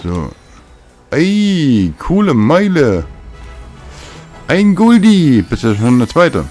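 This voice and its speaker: A let's play host with a slightly high, sing-song voice and a darkish tone speaks slowly while commenting casually on a video game he's playing. He's chatty and mutters to himself, with game music playing in the background.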